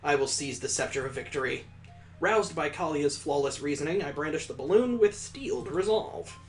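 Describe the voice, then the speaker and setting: The game host's pitch sits fairly high, with lively intonation at a normal speed. He performs visual novel text as dramatic, storybook-style narration with a mock-epic flair, music running in the background.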